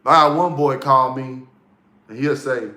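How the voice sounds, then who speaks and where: A man's voice: medium pitch, unhurried, sharp tone. A man giving a casual motivational monologue, blunt and profane, repeating key lines for emphasis. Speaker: motivational vlogger. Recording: echoey room.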